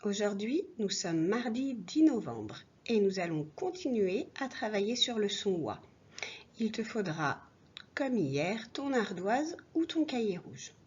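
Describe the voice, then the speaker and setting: Slow patient teacher woman, muffled recording. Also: mid-range voice, sing-song, darkish tone. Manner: slow, clear, patient, addressing a child directly. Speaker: primary school teacher. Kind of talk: recorded reading lesson for young pupils.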